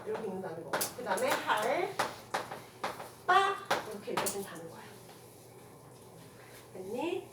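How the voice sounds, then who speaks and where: Woman teacher, classroom lecture, echoey room, noisy recording, brisk rhetorical questions. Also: mid-range voice, animated, recorded from a distance. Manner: quizzes students with quick rhetorical questions; switches between casual and polite speech. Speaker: Korean language teacher.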